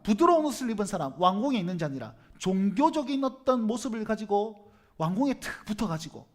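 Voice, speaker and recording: A middle-aged man with a Gyeongsang accent preaching a sermon as pastor, humorous, asking the congregation questions and acting out what others say. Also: very high voice. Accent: Gyeongsang Korean. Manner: humorous, asks the congregation questions, acts out quoted speech.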